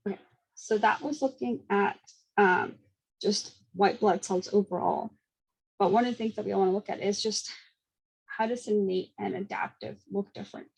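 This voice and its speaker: Fast-talking young woman with a gravelly voice. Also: mid-range voice, fairly even intonation, poor audio. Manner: quick, with fillers and small laughs. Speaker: student presenter. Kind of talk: academic seminar talk.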